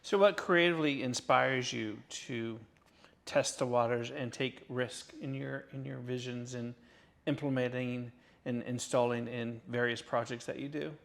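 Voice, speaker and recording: A man's voice: medium pitch, steady tone, measured pace, gravelly, fairly bright tone. Guy hosting a design podcast, reads his intro then just chats. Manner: scripted intro then chatty questions. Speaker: podcast host. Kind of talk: podcast interview.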